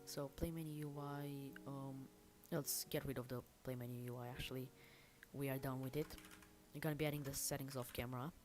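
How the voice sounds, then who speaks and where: A woman's voice: rumbling low, fairly even intonation, fairly quick, a little mellow. A woman casually chatting on a livestream as she works, thinking aloud in an informal, self-deprecating way. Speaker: livestreamer and hobby game developer. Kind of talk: casual livestream chat while working. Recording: music and typing behind the voice. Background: background music, keyboard typing.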